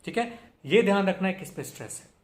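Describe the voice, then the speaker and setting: A young adult man with a high, expressive, fairly quick voice teaches a language lesson, explaining patiently. He repeats example words with strong stress and often checks in with his listeners. The room is echoey.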